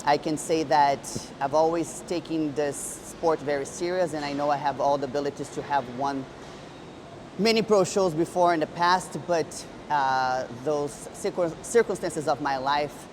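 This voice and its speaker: A Brazilian woman in her thirties who works as a bodybuilder and coach shares her story on a vlog, sounding earnest and thoughtful while frequently starting over. She speaks in a low register at a measured pace over background noise.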